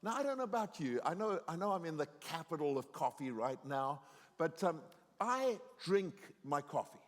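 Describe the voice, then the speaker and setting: A middle-aged man preaching in a university chapel, telling stories in an earnest way that builds into emphatic exhortation. His voice sits a little higher than most men's. The sound rings with the long reverb of a large hall. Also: very animated, normal speed. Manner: earnest storyteller, grows more emphatic and exhorting. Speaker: guest preacher. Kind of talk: storytelling chapel sermon.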